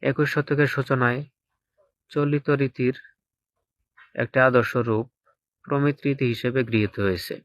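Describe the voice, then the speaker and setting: A man teaching an exam-prep lesson, dictating slowly and repeating each point so students can note it down. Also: medium pitch, steady tone, dry recording.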